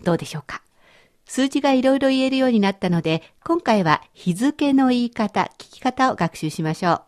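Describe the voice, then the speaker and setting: A woman teaches a radio language lesson in a bright, high voice that rises and falls a lot. She explains each point patiently and clearly. Her tone is friendly and instructive. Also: animated, brisk.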